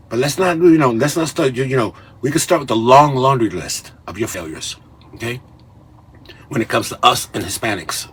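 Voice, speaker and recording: A Cuban-born commentator in his late fifties, speaking with a Spanish accent, lectures confrontationally in a video rant, tagging his lines with "okay?". His voice is on the low side and fairly bright, with slight background noise.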